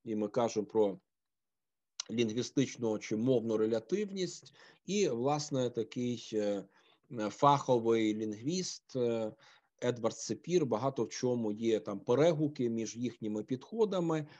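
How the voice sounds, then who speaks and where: A man giving an online philosophy lecture, halting often with filler sounds. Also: medium pitch, expressive, darkish tone. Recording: dull lo-fi audio.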